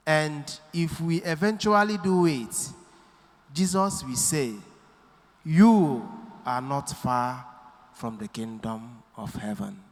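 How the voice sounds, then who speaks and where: A priest preaching a sermon into a pulpit microphone in a church, speaking deliberately and quoting scripture. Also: male voice, fairly high pitch, fairly bright tone. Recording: long church hall reverb.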